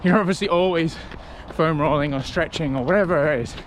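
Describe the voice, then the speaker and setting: A man talking casually to camera as a running vlogger, in a reflective, conversational way with halting short phrases. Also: fairly high pitch, a little hiss or hum. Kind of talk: casual vlog talk to camera.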